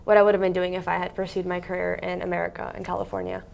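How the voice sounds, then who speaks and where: A woman's voice: fairly low pitch, little pitch movement, racing, gravelly, a little hiss or hum. A young woman from Russia, a content creator, chatting casually as a guest in an office interview, with lots of "like" fillers. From Siberia, Russia. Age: young adult. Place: office meeting room by large windows.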